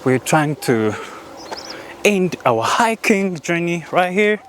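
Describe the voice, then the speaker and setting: Out of breath while hiking through hilly countryside, a man vlogs on a handheld phone, narrating in a chatty, slangy way. His high, fairly bright voice is sing-song and slow, with slight background noise.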